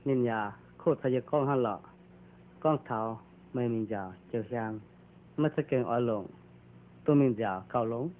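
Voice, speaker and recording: A man's voice: mid-range voice, moderate pace, pauses often, natural voice. A man acting in an amateur drama, talking casually with a bantering manner. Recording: tinny lo-fi with faint guitar.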